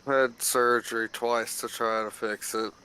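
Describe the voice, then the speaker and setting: A man's voice: mid-range voice, level tone, moderate pace, sharp tone. A man with a strangled, congested voice, as if short of breath, chatting casually in terse, sweary grumbles. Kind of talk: casual chat over voice call. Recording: noisy mic picking up breathing and background.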